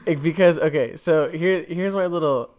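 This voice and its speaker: A man's voice: fairly high pitch, normal speed, a crowd in the background. Rambling, joking podcast co-host man. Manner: rambling, filler-heavy, jokey. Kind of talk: casual chat.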